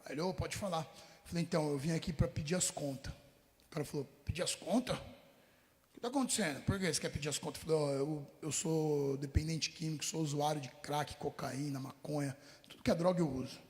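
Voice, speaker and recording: High-voiced São man, slangy testimony. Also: a little fast, darkish tone, big-room sound. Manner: street slang, acts out past dialogues, chokes up at times. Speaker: rapper guest telling his testimony. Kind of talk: emotional personal testimony in an interview.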